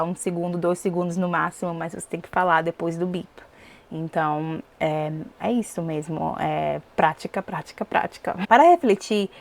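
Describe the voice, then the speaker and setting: Female English tutor with a Brazilian accent, chatty and expressive, medium pitch, casual vlog read. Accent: Brazilian Portuguese. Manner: chatty and expressive, with frequent fillers. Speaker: English test prep teacher.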